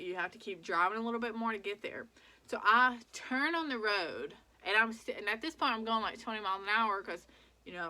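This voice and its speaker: Young woman vlogging a storytime, crisp bright voice, lots of likes. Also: medium pitch. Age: 20s. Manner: animated retelling with many "like"s and acted quotes. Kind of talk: casual storytime.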